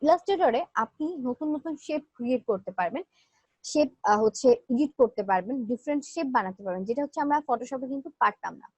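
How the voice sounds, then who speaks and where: Quick, high-voiced woman teaching design. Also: lively intonation, darkish tone, breathy edge, no room sound. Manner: explains step by step, fillers between steps. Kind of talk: live online class, screen demo. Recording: dull lo-fi sound.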